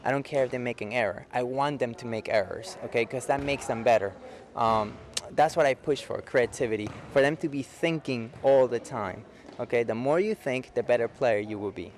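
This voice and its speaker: A Peruvian man in his forties, a youth futsal coach, is interviewed for local cable TV at an indoor futsal facility. He explains things simply and keeps checking in with "okay?". His mid-range voice moves at normal speed over slight background noise.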